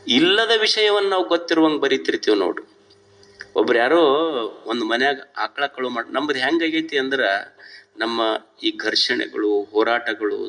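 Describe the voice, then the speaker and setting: A man with a North Karnataka Kannada accent delivering a sermon as a swami, telling stories and slipping English phrases into his talk. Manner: animated, swings from loud high stresses to low quiet asides. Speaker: swami giving a religious discourse. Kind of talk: sermon with storytelling.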